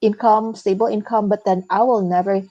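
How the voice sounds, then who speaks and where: A woman's voice: mid-range voice, steady tone, mellow, dull audio. Earnest woman guest. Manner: earnest, halting with restarts. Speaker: interview guest, small business owner. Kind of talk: casual live interview.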